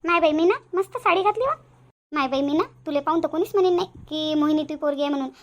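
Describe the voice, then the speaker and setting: A woman's voice: high voice, fast, highs cut off, lightly acted. A woman with a Varhadi Marathi accent voicing a nosy older neighbour woman who chats and gossips. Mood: chatty. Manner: gossipy and chatty.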